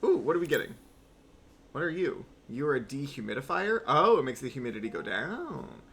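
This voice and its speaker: A man's voice: medium pitch, sing-song, brisk, creaky, a bit bright, breathy edge. A young man streaming a game, rambling wryly with swearing asides as he plays. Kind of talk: casual gameplay commentary.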